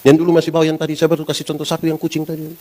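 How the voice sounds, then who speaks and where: A pastor in his forties, preaching a lively sermon and asking the congregation questions. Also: on the high side, racing. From Indonesia. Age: 40s.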